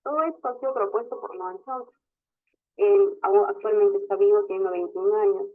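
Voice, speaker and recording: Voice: mid-range voice, fairly quick. Teacher, online lecture, patient step-by-step explaining, questioning tags, tinny phone-like audio. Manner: explains step by step, constantly adds a questioning tag.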